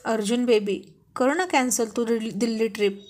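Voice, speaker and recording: A woman voicing an angry, hurt young wife who scolds her husband, speaking louder and higher. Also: normal speed. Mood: sweet-talking. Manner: sharp, scolding, emotional.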